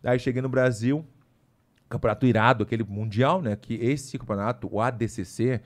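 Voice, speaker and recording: A man, a podcast guest, telling a story casually in an animated, slangy way with lots of asides. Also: medium pitch, moderate pace.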